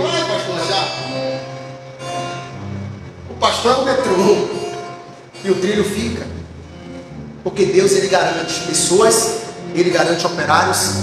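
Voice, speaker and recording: Male pastor, high voice, preaching from far off in a reverberant sanctuary, music underneath. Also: normal speed, long pauses. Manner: swings between loud preaching and quiet storytelling. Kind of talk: sermon. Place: church sanctuary. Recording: echoey church hall from far off, with music.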